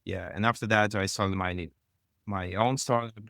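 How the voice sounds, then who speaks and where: A man's voice: fairly low pitch, fairly even intonation, normal speed, gravelly, a bit bright, no echo, studio quality. A middle-aged man from Kazakhstan, a podcast guest telling his career story in a loose, rambling way full of "like". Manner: rambling, heavy use of "like". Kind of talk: casual interview talk.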